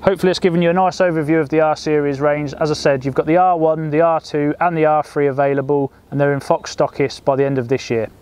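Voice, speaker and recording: A young man presenting fishing gear outdoors, explaining its features in a steady, scripted way. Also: on the high side, quick pace, few pauses, clear, resonant tone. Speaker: product presenter. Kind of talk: scripted product demo. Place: outdoors by a lake among trees.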